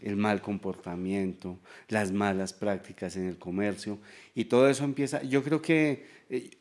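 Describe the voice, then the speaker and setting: Man, fairly deep voice, candid personal testimony, unhurried confessional talk. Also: darkish tone. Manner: reflective, confessional, with hesitant restarts. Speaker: testimony guest. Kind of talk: casual spoken testimony.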